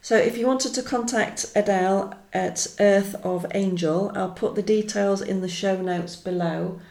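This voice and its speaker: A woman's voice: medium pitch, steady tone, unhurried, vocal fry, a little mellow, echoey room. A woman hosting a podcast, chatting casually with a guest in an informal interview style. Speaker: podcast host and tarot teacher.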